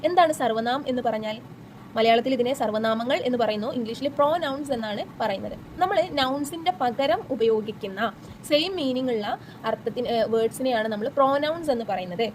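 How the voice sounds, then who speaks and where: A woman's voice: on the high side, expressive, darkish tone, slight background noise, poor audio. A young woman teacher with a Malayali accent, explaining exam questions step by step and answering her own questions. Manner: reads the textbook text slowly and deliberately. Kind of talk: exam-prep lesson.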